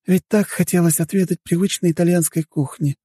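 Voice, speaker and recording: A man's voice: sits high, steady tone, fairly quick, dark tone, breathy edge, no room sound, clean studio sound, pitched above the performer's own voice. A man voicing a bold, bloodthirsty woman who speaks curtly and sarcastically, in an audiobook. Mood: sarcastic. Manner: curt, sarcastic.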